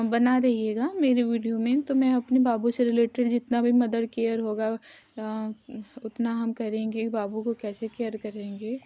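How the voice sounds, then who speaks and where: A woman, a mother and vlogger, narrating her day in a voice-over with halting pauses. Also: a little high, no echo. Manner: halting, even delivery with many pauses.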